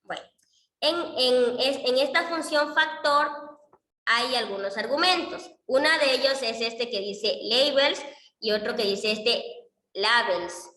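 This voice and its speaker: A woman's voice: high-pitched, a little slow, sharp tone. A woman, patiently explaining coding in an online class and often checking whether students follow. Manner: patient, checks understanding with frequent "¿ya?". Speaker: economics instructor teaching R. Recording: echoey room with long reverb.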